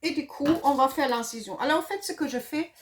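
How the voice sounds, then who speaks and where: A woman's voice: sits high, fairly quick, a little hiss or hum. A middle-aged woman from Germany with a German accent, explaining a paper craft project in a casual, hesitant way with many fillers and self-corrections. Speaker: craft demonstrator.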